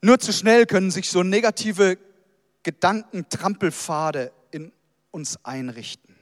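Give me a man preaching, lively and animated, slipping into little acted inner voices. His voice sits high, and it rings out with a long hall reverb. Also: a little slow, studio quality. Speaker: pastor. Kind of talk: sermon.

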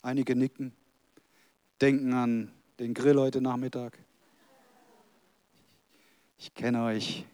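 A man's voice: medium pitch, flat delivery, slow, long pauses, darkish tone, no echo. A pastor preaching a sermon, talking to his congregation in a conversational way with light humour.

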